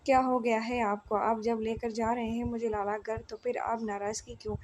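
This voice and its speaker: A woman's voice: on the high side, level tone, normal speed, darkish tone, slight background noise, close to an everyday voice. A woman voicing a spoiled, teary young wife in a storybook romance, in a pleading and sulky tone.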